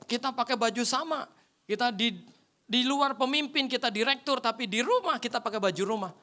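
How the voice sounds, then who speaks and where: A man's voice: very high-pitched, a little fast. A male pastor preaching a humorous sermon, telling a story and acting out the voices in it. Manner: animated, acts out the voices in his anecdotes. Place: church.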